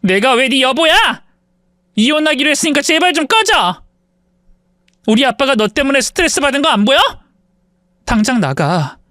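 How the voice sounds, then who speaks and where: Voicing an enraged wife, a man yells scornfully at her husband in an animated, mid-range voice pitched up from his own yet close to everyday speech. The pace is normal. The sound is dry and studio-clean.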